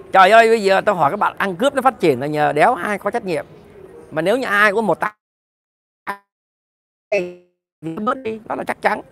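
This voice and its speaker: High, gravelly male commentator; angry, crude monologue straight to his audience. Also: expressive, normal speed, long pauses. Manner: heated, profane, addresses viewers directly, rises to shouting. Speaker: political commentator. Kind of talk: ranting monologue to viewers.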